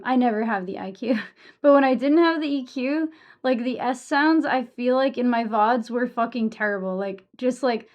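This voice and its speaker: A woman chatting casually on a livestream in a sweary, self-deprecating way, with harsh, sibilant S sounds. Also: fairly high pitch. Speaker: streamer. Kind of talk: casual livestream chat with viewers. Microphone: streaming microphone with EQ and compressor. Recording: muffled, dull microphone sound.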